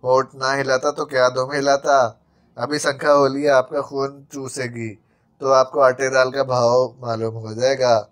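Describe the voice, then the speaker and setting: A male narrator voicing a jittery, sharp-tongued male servant who stammers when frightened. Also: medium pitch, flat delivery, lightly acted. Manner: stammering, quick-tongued sarcasm.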